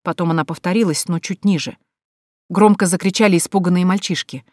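Steady audiobook narrator, dry and close. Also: mid-range voice, a little fast, dry recording. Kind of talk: scripted narration.

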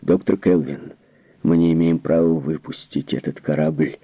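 A man's voice: extremely low pitch, fairly even intonation, normal speed, slightly rough, no room sound, exaggerated voice. A man reading a worried army general. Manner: earnest, explanatory. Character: worried, troubled middle-aged male general. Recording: tinny narrow-band recording.

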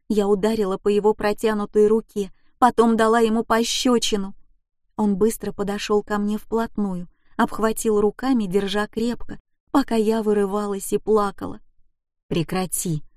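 A woman's voice: medium pitch, level tone, moderate pace, a little mellow, no room sound, studio quality. A woman reading an emotional first-person audiobook in a gripping, intense way. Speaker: audiobook narrator.

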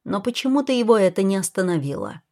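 Woman doing stern protective man, angry, clipped, deliberate, storybook voice. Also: mid-range voice, very animated, dark tone, pitched above the performer's own voice.

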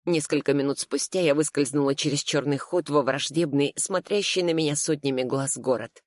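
A woman's voice: sits low, moderate pace, no room sound, clean studio sound. A woman reading a first-person thriller in a tense, suspenseful narration. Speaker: audiobook narrator.

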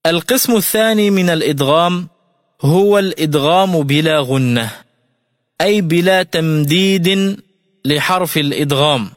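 A man teaching Quran recitation rules in a radio lesson, explaining each rule clearly and reciting examples slowly and melodically. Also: a little high, no echo, clean studio sound, big-room sound.

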